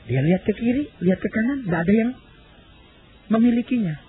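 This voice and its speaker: A male pastor preaching in a lively storytelling way, acting out voices and calling out to the congregation. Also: high voice, brisk, phone-quality sound, slight background noise. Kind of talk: sermon storytelling.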